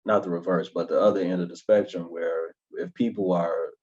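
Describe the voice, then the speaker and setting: A man co-hosting a casual interview, speaking hesitantly with many pauses and fillers. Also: sits low, fairly even intonation, darkish tone, slightly rough. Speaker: podcast co-host. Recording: dull lo-fi audio.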